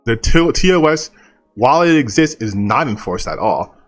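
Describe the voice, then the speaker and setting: A man's voice: mid-range voice, sing-song, moderate pace, soft background music. A male online commentator talking casually and bluntly, dismissive and opinionated, with some casual swearing.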